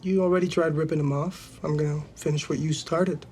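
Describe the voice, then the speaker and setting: An actor playing a menacing young criminal who talks in a low, threatening, clipped way. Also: male voice, fairly even intonation, brisk, darkish tone, a little hiss or hum, close to an everyday voice. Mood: cold.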